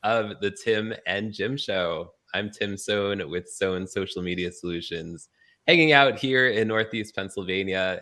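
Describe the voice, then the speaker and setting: Bright upbeat male podcast host. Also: low voice. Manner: upbeat, welcoming. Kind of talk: podcast show opening.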